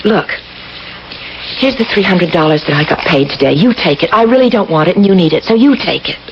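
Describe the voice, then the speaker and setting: An actress with a lowish, lively, brisk voice plays a timid, honest female social worker in a radio mystery drama, sounding hesitant, apologetic, earnest and worried. The recording comes from an old radio broadcast, dull and noisy.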